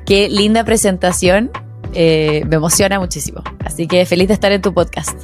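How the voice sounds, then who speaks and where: A Chilean woman in her thirties, a singer-songwriter guest on a podcast, talking in a relaxed, chatty way with plenty of fillers. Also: fairly low pitch, moderate pace, faint music behind. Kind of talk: casual podcast interview.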